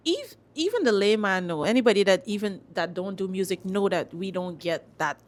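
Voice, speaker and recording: A Guyanese woman talks casually as an artist being interviewed. Her voice sits at an average pitch for a woman. She speaks emphatically, repeating short phrases to stress her point. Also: expressive, brisk. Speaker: singer-songwriter, interview guest.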